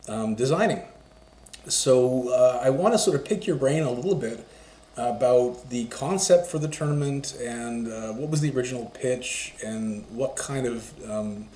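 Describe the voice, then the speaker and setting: A man hosts a relaxed podcast in an echoey room, his voice at an ordinary middle pitch. He is playful and laughs easily, and his talk is loose and filled with "uh"s. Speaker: podcast host. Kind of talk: casual conversational podcast.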